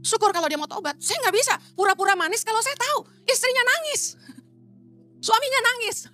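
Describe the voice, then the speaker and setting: A woman's voice: very high-pitched, a little fast, pushed and bright, soft background music. A middle-aged woman pastor, preaching in a blunt, emphatic way and dropping English phrases into her sermon.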